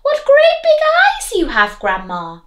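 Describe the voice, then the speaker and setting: A woman's voice: very high voice, huge pitch swings, unhurried, reverberant, pitched above the performer's own voice, heavily acted. A woman voicing a bold, innocent-sounding little storybook girl in an exclaiming, sing-song way. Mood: wide-eyed.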